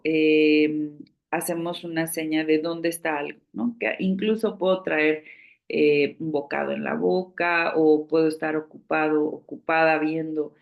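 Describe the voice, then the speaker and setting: A woman instructor gives a training lecture in a measured, explanatory way, often pausing to search for words. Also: sits low, vocal fry, narrow, tinny audio.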